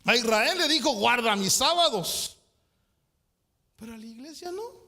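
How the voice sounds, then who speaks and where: A man preaching a sermon as pastor, swinging from loud shouted passages to quiet, confiding asides. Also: very high voice, expressive, measured pace. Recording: long hall reverb.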